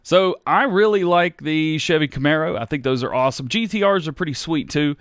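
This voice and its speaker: An American gaming YouTuber in his thirties runs a laid-back Q&A, reading viewers' questions aloud and answering in a rambling way full of fillers and restarts. His voice sits a little high and moves fairly quickly. The studio sound is clean, with no room sound.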